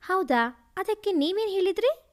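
A woman voicing a young husband who talks briskly and teases. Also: very high-pitched, lively intonation, voice pushed up. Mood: playful. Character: young husband, playful and teasing.

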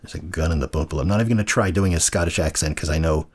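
An American man in his thirties talks through a game as a casual let's-play host, often trailing off and correcting himself. His voice sits very low with a husky edge. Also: rapid-fire. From United States. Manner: rambling, self-correcting, chuckling asides. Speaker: gaming channel host.

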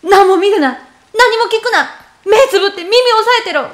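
A woman's voice: high-pitched, animated, normal speed, fairly bright tone. A woman doing a blunt, commanding mother. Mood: shouting. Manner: curt, commanding, barking orders. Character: tough, blunt middle-aged mother. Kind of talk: storytelling reading.

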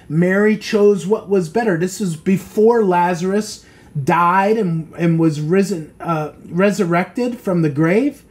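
A man's voice: sits high, darkish tone. A man preaching a sermon, reading scripture aloud and then retelling it in casual, emphatic asides.

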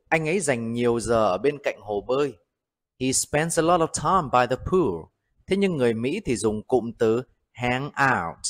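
A man with a Vietnamese accent teaching English phrases, repeating each one slowly and deliberately. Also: medium pitch, no room sound, clean studio sound.

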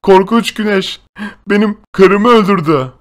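A man's voice: high voice, a little slow. A man voicing a grieving, vengeful male villager in a Minecraft role-play, talking in a whiny, tearful way.

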